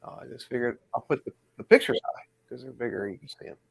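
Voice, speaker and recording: Gravelly-voiced man chatting casually. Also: mid-range voice, quick pace, rough recording. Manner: relaxed, rambling, thinking aloud. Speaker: pin collector host. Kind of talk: casual chat while hanging pins.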